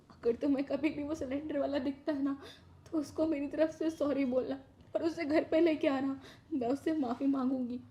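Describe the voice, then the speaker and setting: A woman's voice: warm tone, a little hiss or hum, close to an everyday voice. A woman acting a short-tempered housewife in a short drama who scolds sharply and later turns tearful with remorse. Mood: subdued. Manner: scolding, shrill, then tearful.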